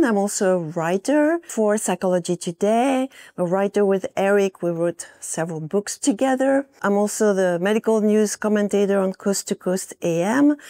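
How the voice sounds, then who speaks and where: A woman's voice: medium pitch, mellow. Woman with a French accent, chatty. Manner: chatty, informal. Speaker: guest lecturer. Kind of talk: public lecture.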